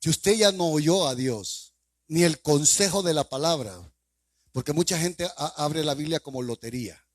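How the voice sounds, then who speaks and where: A male pastor with a Salvadoran accent preaches, hammering the congregation with rhetorical questions and breaking into sudden loud bursts. His fairly high voice swings widely in pitch. The sound is close and dry, with no room echo. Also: expressive, normal speed. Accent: Salvadoran Spanish. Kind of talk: sermon.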